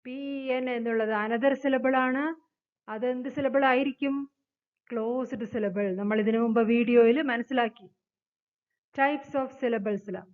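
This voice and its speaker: A woman with a Malayali accent and a slightly high voice teaches English grammar, reading the rules slowly and explaining them at length. The sound is narrow, like a phone line.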